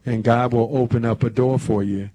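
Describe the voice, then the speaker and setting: A man's voice: mid-range voice, fairly even intonation, normal speed, mellow. A man in his seventies hosting a church radio show from the studio, talking in an easy preacherly way and dropping amens as he goes. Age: 70s. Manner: preacherly, peppers talk with amens. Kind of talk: casual church radio talk.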